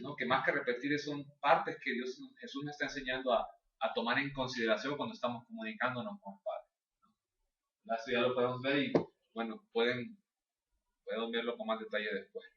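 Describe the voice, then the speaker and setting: A Bible class teacher leads a church course, explaining things step by step and often checking in with his listeners. His mid-range voice is a bit bright and moves at normal speed, captured in a distant, echoey, dull lo-fi room recording.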